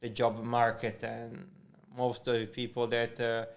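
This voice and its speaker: A man's voice: mid-range voice, completely flat delivery, measured pace. An Italian man with an Italian accent, a podcast guest talking hesitantly with many fillers and restarts. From Italy. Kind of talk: casual interview chat.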